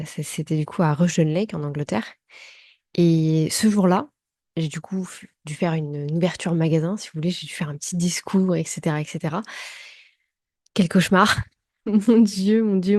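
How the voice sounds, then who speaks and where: Mellow, chatty French-born woman. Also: lowish voice, no echo, studio quality. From France. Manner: chatty, self-mocking, many fillers and restarts. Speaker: vlogger. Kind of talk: casual storytelling to camera.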